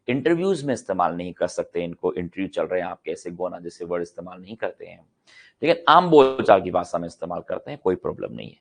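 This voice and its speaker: A middle-aged male grammar teacher with a gravelly edge to his voice. He lectures like he's in a classroom, putting questions to his students and answering them himself. He says his example sentences again and again for practice. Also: deep voice. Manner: repeats example sentences several times for practice.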